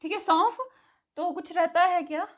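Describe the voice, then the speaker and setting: A woman giving a casual vocabulary lesson, repeating each word slowly, spelling it out letter by letter and checking in after each item. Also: extremely high pitch, fairly even intonation. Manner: says "theek hai" after nearly every item. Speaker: spoken English teacher.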